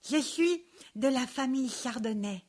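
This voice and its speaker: A woman doing Joligrain, a bright curious little grape. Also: high voice, lively intonation, a little slow. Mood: gentle. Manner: wide-eyed, playful, joking.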